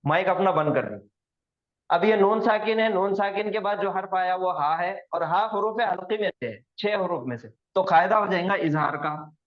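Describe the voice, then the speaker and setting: A man teaching an online Quranic Arabic recitation lesson, going slowly, repeating words for students to echo back and quizzing them on the rules. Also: high-pitched. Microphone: video call. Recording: dull lo-fi online class audio.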